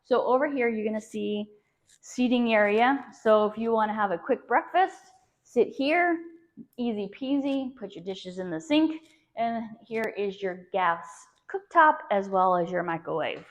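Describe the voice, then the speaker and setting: A woman's voice: mid-range voice, animated, normal speed. A woman real estate agent gushing chattily through a casual walk-through tour of a house as she moves from room to room. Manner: gushing, chatty sales talk. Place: indoors, walking through a house. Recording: dull, lo-fi sound.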